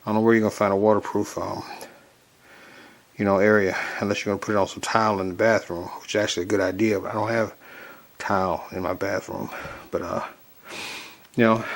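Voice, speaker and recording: In his bedroom, a man rambles through a casual video review of a home product, speaking loosely and haltingly with frequent verbal tics. He sounds stuffed up, as if his nose were packed with gauze, and his lowish voice keeps a level tone. Clear background noise runs through the home recording.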